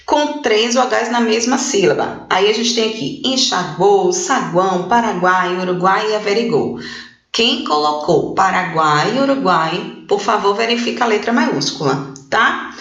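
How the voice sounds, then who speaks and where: A woman teacher with a Brazilian Portuguese accent gives a recorded lesson to young pupils, stretching words out syllable by syllable. Her voice sits at an ordinary middle pitch. It rings in a bare, echoey room. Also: animated, a bit bright, dull audio. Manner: slow, syllable-by-syllable spelling out of words; checks in with pupils with "ok?" and "certo?". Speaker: primary school teacher. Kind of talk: recorded remote lesson, correcting exercises.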